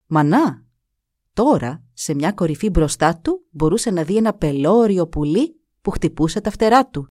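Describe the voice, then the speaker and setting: Expressive woman storyteller. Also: lowish voice, dry recording, clean studio sound. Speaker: narrator.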